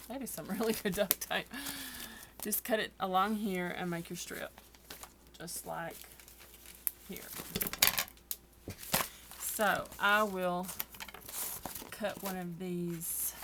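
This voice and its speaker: Woman, low voice, tired, rambling, craft tutorial, noisy home recording. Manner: chatty, self-deprecating, rambling. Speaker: craft vlogger.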